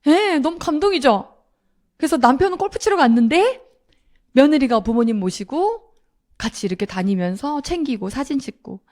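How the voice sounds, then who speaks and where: Middle-aged woman, higher-pitched, animated storyteller addressing a seminar crowd, acts out the quoted lines. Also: normal speed. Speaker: speaker at a sales seminar. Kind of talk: storytelling talk to an audience.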